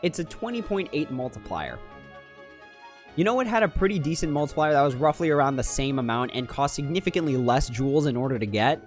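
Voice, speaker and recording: A man with a slightly high voice talks into a livestream headset mic, picking apart game numbers out loud in a critical, analytical way. Faint music plays underneath. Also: animated, fairly quick. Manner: analytical, critical, thinking aloud. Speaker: mobile game streamer. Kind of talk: casual livestream commentary.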